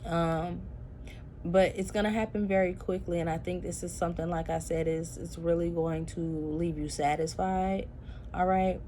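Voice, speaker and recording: Early in the morning, a tired woman reads tarot in a chatty way, talking directly to "y'all" and using plenty of fillers. Her voice sits on the low side, mellow, with little pitch movement and a moderate pace. There's slight background noise.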